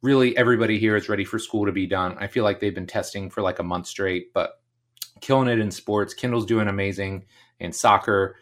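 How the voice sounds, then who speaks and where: A man's voice: fairly low pitch, a little fast. A middle-aged man hosting his own podcast, talking casually and upbeat in a solo episode, laughing now and then. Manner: chatty, upbeat, laughs often. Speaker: podcast host. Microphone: podcast microphone on video recording.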